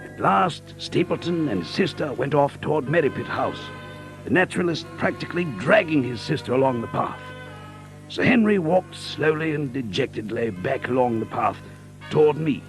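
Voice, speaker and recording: An actor playing Dr. Watson, a dutiful and earnest English gentleman, formal in speech, in an audio drama. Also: medium pitch, lively intonation, normal speed, music in the background, lightly acted, poor audio. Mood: earnest narrating. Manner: earnest, formal, apologetic when flustered. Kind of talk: audio drama acting and first-person narration.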